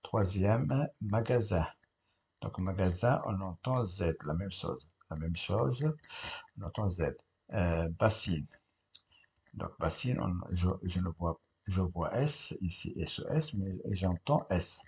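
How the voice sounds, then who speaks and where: A man teaching, slowly correcting a French grammar and spelling test, repeating words and spelling out letters. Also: deep voice, expressive, vocal fry, darkish tone, slightly rough. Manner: slow, repetitive classroom explaining, spelling out letters.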